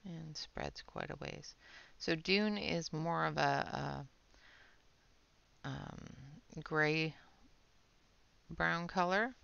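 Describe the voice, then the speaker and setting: A woman giving a casual, unhurried art supply demonstration, half murmuring to herself, with a creaky voice that often trails off softly. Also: deep voice, highs cut off.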